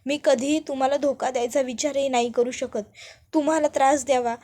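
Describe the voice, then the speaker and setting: A woman's voice: high voice, fairly even intonation, a little fast, dark tone, natural voice. A woman voicing a pleading young woman. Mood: hurt. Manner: pleading, urgent. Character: pleading young woman begging him to listen.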